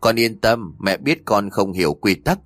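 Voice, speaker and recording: A man voicing a stern older matriarch who gives harsh orders slowly and coldly. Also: on the low side, expressive, fairly bright tone, no room sound, studio quality. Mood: cold commanding. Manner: slow, imperious.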